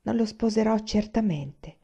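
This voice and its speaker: A tense young woman speaks quietly and hesitantly in a storybook reading, read aloud by a woman. The voice is warm and mellow, and the recording is slightly dull. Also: mid-range voice, unhurried, vocal fry, husky. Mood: hushed.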